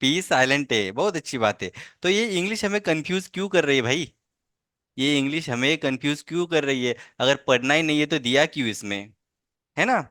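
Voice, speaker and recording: A man's voice: on the high side, animated, fairly quick, fairly bright tone, no room sound, clean studio sound. A man teaching a child over a video call, patient and coaxing, checking in often with little tag questions. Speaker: language teacher. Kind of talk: online tutoring lesson.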